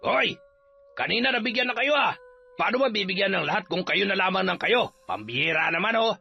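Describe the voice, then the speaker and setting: A man playing a rude, grumpy villager who grumbles loudly and scornfully, in a horror radio drama. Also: sits high, animated, brisk, gravelly, slightly rough, heavily acted. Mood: grumbling. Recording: slightly dull recording with music underneath.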